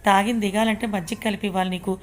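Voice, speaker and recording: A woman voicing a protective young husband who teases and gently scolds. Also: medium pitch, fairly even intonation, rapid-fire, close to an everyday voice. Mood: scolding.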